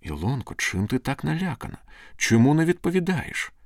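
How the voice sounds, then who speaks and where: A man's voice: sits low, sing-song, takes it slowly, breathy edge, no echo, clean studio sound, full character voice. A man voicing a heartbroken young suitor who asks anxious, imploring questions in a storybook reading.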